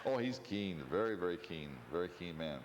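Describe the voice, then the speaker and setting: Host, male, very low voice, rambling storyteller; long reverb and faint hiss. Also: animated, a little fast. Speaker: interviewer host. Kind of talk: local history interview. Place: community TV studio.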